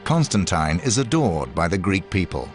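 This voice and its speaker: Deep-voiced male documentary narrator. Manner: measured, even storytelling. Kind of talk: scripted narration. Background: music.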